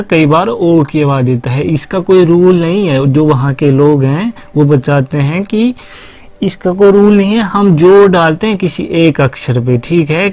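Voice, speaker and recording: A man talks through a casual lesson at an unhurried pace, spelling words out one letter at a time and circling back to repeat himself. His voice sits a little high. The recording is muffled and lo-fi. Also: a little mellow. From Haryana, India. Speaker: language teacher. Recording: dull lo-fi recording.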